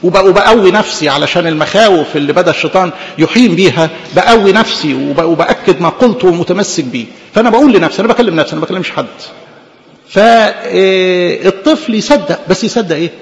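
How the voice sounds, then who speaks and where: Fast-talking Egyptian preacher, echoey hall. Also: male voice, high-pitched. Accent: Egyptian Arabic. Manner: animated, conversational, rhetorical questions. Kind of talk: sermon.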